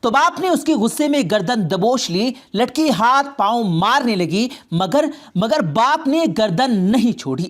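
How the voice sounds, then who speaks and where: A woman narrating a dramatic story in an expressive storytelling manner. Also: fairly high pitch, hardly any pauses.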